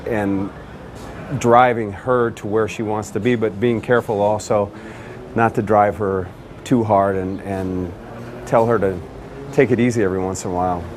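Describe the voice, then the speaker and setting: Earnest actor, low calm voice. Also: male voice, moderate pace, a little hiss or hum. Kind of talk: behind-the-scenes interview.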